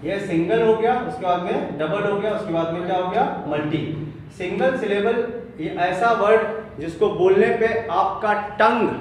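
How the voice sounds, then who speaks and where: A man teaching a lesson, explaining slowly, repeating terms and spelling words out letter by letter. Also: high voice, a little hiss or hum. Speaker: English teacher. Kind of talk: Hindi lesson on English spelling. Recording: very echoey room from far off.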